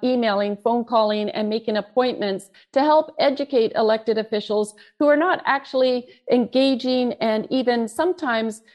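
A woman hosts a political talk show, urging her listeners on in an encouraging way. She pauses on fillers as she moves between points. Her voice sits slightly high. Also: lo-fi sound. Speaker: host.

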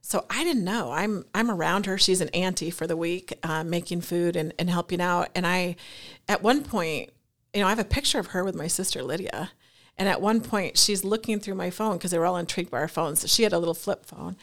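A middle-aged woman telling a personal story in an interview, animated and laughing between quick asides. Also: on the low side. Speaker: guest.

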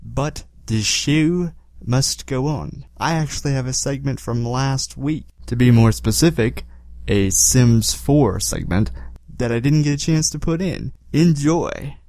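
A man's voice: mid-range voice, measured pace, darkish tone, no room sound. A man hosting a podcast solo, talking casually in a rambling, self-deprecating way. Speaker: podcast host.

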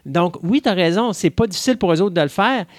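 A man with a Québécois accent, voice pitched a little high, holds forth in a casual podcast chat. He is opinionated, talks at length and often restarts his sentences. The sound is dry and close. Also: expressive, fast talker, no room sound. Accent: Québécois French. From Quebec.

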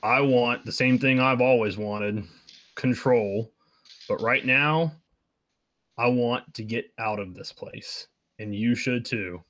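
A man's voice: medium pitch, slow, fairly bright tone. A man voicing a smug, taunting armored warrior spirit trapped inside someone's mind.

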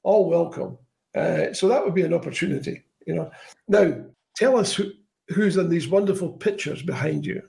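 A man's voice: a little high, normal speed, gravelly, dark tone. A man, hosting an informal interview in a conversational style. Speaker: interview show host.

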